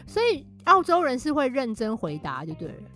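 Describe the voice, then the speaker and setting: A woman's voice: sits high, huge pitch swings, brisk, fairly bright tone, soft background music. A woman guest and author, explaining things in a casual podcast conversation and laughing often.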